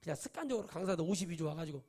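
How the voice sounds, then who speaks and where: A male pastor preaching a Sunday sermon in a conversational, storytelling way, acting out quoted voices and swinging between loud and hushed. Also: on the high side, expressive, racing, husky.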